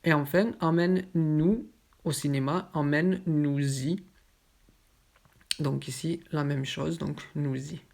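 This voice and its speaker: A French language teacher explains grammar slowly and evenly, in a mid-pitched voice. Each example form is spelled out with care before the rule behind it. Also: steady tone, vocal fry, darkish tone. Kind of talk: scripted grammar lesson.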